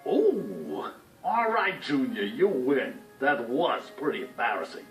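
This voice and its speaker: Brief: a gruff, colloquial counterman, lively pitch, echoey distant game audio. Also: slow pace, soft background music.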